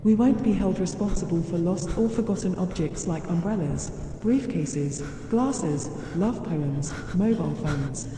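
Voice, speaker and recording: A woman playing a wistful train station announcer who calmly and formally repeats her instructions. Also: lowish voice, a little slow, hardly any pauses, natural voice. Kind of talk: public address announcement. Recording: echoey station hall, vehicle noise.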